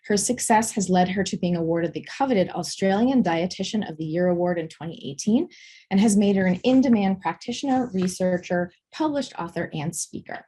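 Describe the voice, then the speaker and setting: A woman hosting a webinar, reading a formal, measured introduction of the speaker. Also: mid-range voice, dark tone, husky. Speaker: webinar host.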